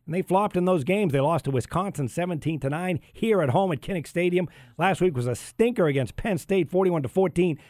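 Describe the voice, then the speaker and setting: A man's voice: sits high, a little mellow, no echo, clean studio sound. A man giving football betting commentary on the radio, an emphatic, statistics-heavy breakdown. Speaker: sports betting analyst.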